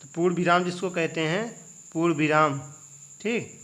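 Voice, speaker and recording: A man's voice: fairly high pitch, moderate pace, a bit bright. Man teaching an exam revision class. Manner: repeats questions and answers them himself; asks students rhetorical check questions.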